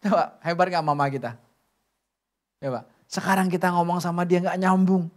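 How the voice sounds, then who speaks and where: A woman's voice: on the low side, fairly even intonation, quick pace, darkish tone. A middle-aged woman preaching a sermon at a church service, chatty and joking, with many rhetorical questions.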